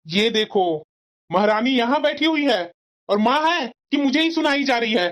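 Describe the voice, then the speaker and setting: A woman's voice: fairly high pitch, lively intonation, normal speed, very noisy, close to an everyday voice. A woman voicing a short-tempered young husband. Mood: angry. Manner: snapping, complaining. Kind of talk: cartoon story voice acting. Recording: dull lo-fi sound.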